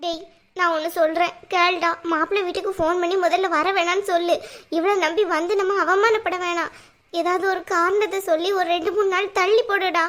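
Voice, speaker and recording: A woman's voice: very high-pitched, steady tone, a little fast, a bit bright. A woman voicing a tearful, anxious middle-aged mother in a cartoon, pleading and scolding by turns. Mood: distressed. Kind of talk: cartoon voice acting.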